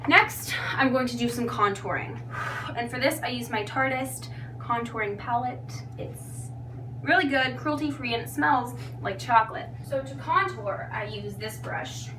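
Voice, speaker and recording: A woman's voice: fairly high pitch, measured pace. A young woman giving a casual, chatty tutorial in a loose, tipsy, giggly and self-deprecating manner. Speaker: makeup tutorial vlogger. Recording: distant mic with background noise and hum.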